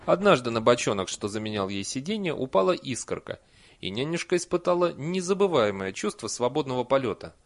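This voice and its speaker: A man narrating an audiobook in an expressive, animated reading. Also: medium pitch, a little fast. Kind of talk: scripted narration.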